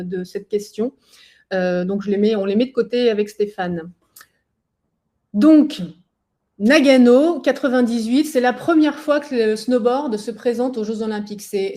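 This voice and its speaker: A woman's voice: on the high side, dark tone. Chatty woman in her forties presenting. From southern France. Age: 40s. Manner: chatty, frequent hesitations, anecdotal asides. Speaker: former athlete giving a webinar talk. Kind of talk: conversational webinar presentation.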